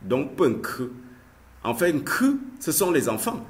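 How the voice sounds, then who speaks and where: A man teaching a language lesson. He talks slowly and hesitates with many fillers. He says each vernacular word louder and higher, then explains it quietly. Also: very animated. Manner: hesitant, with frequent "euh" fillers and repeated words.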